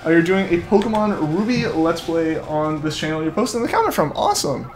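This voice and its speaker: A young adult man streams a game, chatting loosely and reading viewer comments, his talk rambling, stuffed with "like," and full of trailing restarts. His voice is fairly high with big swings in pitch, and he speaks briskly. He uses a headset mic that feeds back into his headphones.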